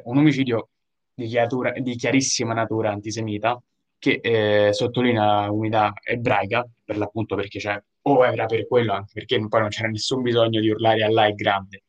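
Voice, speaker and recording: Chatty young man, mid pitch. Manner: chatty, digressive, laughs while talking. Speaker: co-host. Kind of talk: casual news chat.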